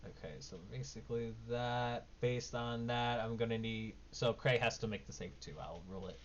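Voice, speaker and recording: A man's voice: medium pitch, flat delivery, moderate pace. A man narrating as game master of a tabletop game, in a casual, informal way. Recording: dull lo-fi mic, background noise.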